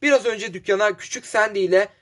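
Breathless village grocer, high and urgent, as a man puts him on. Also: fast, natural voice.

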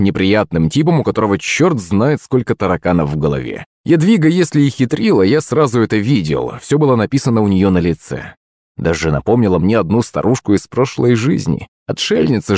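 A man's voice: lowish voice, a little mellow, dry recording, clean studio sound. A man reading a first-person fantasy audiobook as its narrator.

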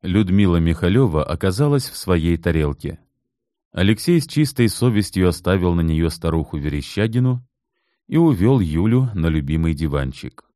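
A man reading an audiobook, lively and expressive. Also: low voice, normal speed, dry recording, clean studio sound. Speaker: audiobook narrator.

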